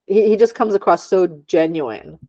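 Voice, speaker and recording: A woman's voice: medium pitch, lively intonation, normal speed, a little mellow, no room sound, dull audio. A woman from Germany, an aromatherapist talking as a podcast guest, hesitant with many ums and frequent laughs. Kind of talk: casual interview chat.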